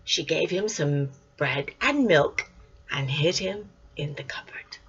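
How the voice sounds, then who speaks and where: An older woman reading a children's storybook aloud, animated, dropping into whispered asides, recorded with a dull lo-fi sound. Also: sits low, slow, husky.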